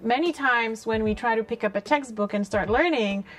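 Her voice sits a little high and her pace is moderate, with a slight hiss or hum in the audio. She's a late-twenties Czech woman from a small town, a native speaker with a Czech accent, chatting reflectively and informally as a guest in a relaxed interview. The indoor set looks like a small, bright living room.

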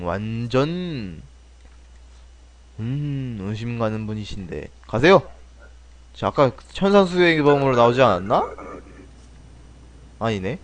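A man commentating on a game he is playing, muttering to himself and then bursting into loud swearing and laughter, with some phrasing. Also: medium pitch. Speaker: game streamer. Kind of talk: gameplay commentary.

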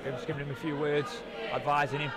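A man gives live cage fight commentary in a high-pitched voice. Very loud crowd noise surrounds him. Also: flat delivery, brisk. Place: indoor fight venue.

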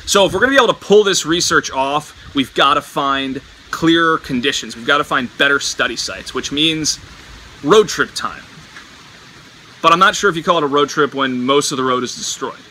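A marine biologist in his thirties vlogs casually from the porch of a tropical bungalow, holding the camera at arm's length. His voice is a little high and sharp at a normal pace, his humor wry and dry, and a slight hiss or hum is audible.

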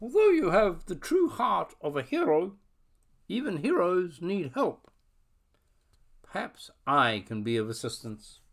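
A man voicing a kind, helpful female bat in a high, squeaky, polite voice. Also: big pitch swings, unhurried, vocal fry, fairly bright tone, full character voice. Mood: kindly.

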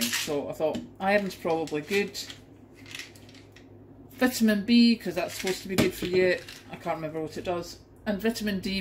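A middle-aged woman from the United Kingdom vlogs a grocery haul, chatting casually to camera in her home kitchen as she unpacks shopping and exclaims at the prices. Her voice is on the low side, with background noise, and the camera points down at the kitchen counter.

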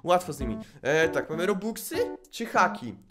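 A young man giving excited gameplay commentary, screaming and laughing while talking to his viewers. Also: a little high, normal speed, over music. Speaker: gaming YouTuber. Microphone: desk microphone with webcam.

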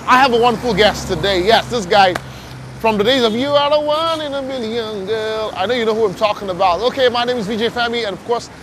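A man's voice: very high-pitched, quick pace, background noise. A young Nigerian man hosting a street interview, hyped and bantering with pidgin, recorded outdoors on a busy city street. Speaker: show host.

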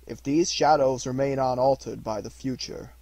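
Stern solemn spirit voiced by a man, grave, slow, husky. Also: medium pitch, fairly even intonation, mellow, no echo.

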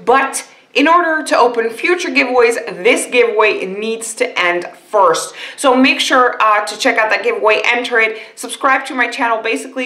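A woman's voice: fairly high pitch, pushed and bright, echoey room. A woman beauty vlogger chatting casually and rambling through a box unboxing, with frequent fillers.

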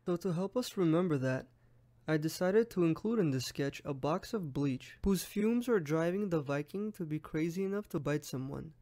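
A man's voice: fairly high pitch, lively intonation, normal speed, mellow. Friendly young man narrating a lesson. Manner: friendly, explanatory voice-over. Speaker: medical exam tutor.

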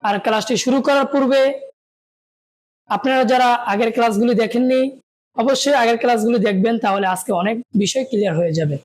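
A female Quran reading teacher works through the Arabic letters, patiently calling out each one and posing questions she then answers herself. Her voice sits on the high side, a little fast and slightly mellow.

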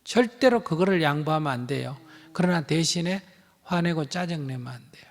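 A man's voice: on the high side, expressive, normal speed. A man with a Gyeongsang accent, a Buddhist monk answering questions in a live teaching, blunt and emphatic, acting out bits of dialogue. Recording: hall reverb.

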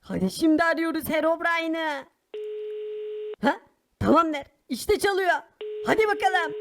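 A fiery poor boy hero from a cartoon, with a very high, piping voice. He barks orders and scolds people who cross him. He is brave and impatient. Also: lively intonation, fairly bright tone, heavily acted. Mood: urgent. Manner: bossy, scolding, quick to anger. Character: poor young hero boy, bold and hot-tempered. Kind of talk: animated cartoon voice acting.

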